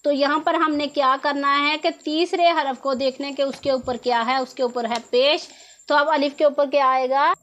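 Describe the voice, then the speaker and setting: A woman's voice: sits high, fairly even intonation, normal speed, fairly bright tone, slight background noise. A woman teaching a Quran reading lesson, patiently repeating each rule and asking questions before answering them herself. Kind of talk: step-by-step lesson explanation.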